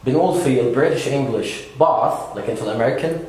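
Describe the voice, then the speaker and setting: Egyptian male English teacher, brisk, patient, hesitant fillers, reverberant room. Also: mid-range voice, expressive, darkish tone, slight background noise. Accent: Egyptian Arabic. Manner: patient, with many "aah" fillers, models words slowly. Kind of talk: explanatory language lesson. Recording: very echoey room.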